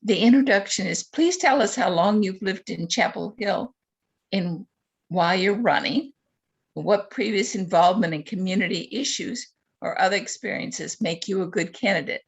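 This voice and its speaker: A woman's voice: medium pitch, expressive, moderate pace, vocal fry, husky. A woman interviewing a candidate at a virtual forum, politely reading out questions with a few hesitant asides. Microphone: video call.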